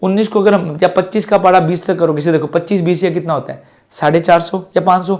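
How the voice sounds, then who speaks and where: A man's voice: high-pitched, steady tone, fast, a little mellow. A middle-aged man with a Hindi accent teaching exam-prep maths, slightly sore-throated, asking questions in a student's voice and then answering them himself. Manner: asks and answers his own questions as a student.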